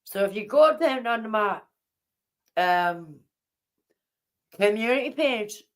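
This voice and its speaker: Slow-talking woman. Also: on the high side, expressive. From Newcastle, England. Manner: rambling, chatty, answers viewers' comments aloud. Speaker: livestreamer chatting with viewers. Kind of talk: casual chat.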